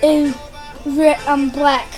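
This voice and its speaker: A woman's voice: sits high, level tone, takes it slowly, over music. A woman joining a casual toy unboxing, teasing and giggly. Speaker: co-host.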